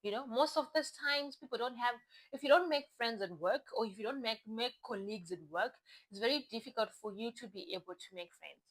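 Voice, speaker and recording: A woman's voice: on the high side, a little fast, rough recording. Chatty young woman from Zimbabwe. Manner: chatty, repeats and restarts phrases. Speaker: vlogger. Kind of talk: casual talk to camera.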